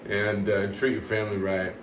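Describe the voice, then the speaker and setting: A man telling jokes casually, rambling and halting with many fillers, often laughing at his own punchlines. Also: on the low side, flat delivery, distant mic. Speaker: comedy host telling jokes. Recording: roomy sound from away from the mic, faint background noise.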